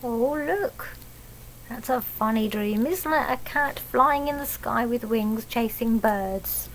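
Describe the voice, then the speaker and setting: Taking it slowly in a fairly high, slightly bright voice, a British woman tells a children's story from a picture book, teacher-style, with easy asides and tag questions aimed at kids. The audio is poor, with a little hiss or hum.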